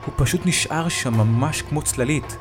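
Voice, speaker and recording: A man telling a first-person creepy story in a tense, hushed retelling. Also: fairly high pitch. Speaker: narrator. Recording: music bed behind the voice.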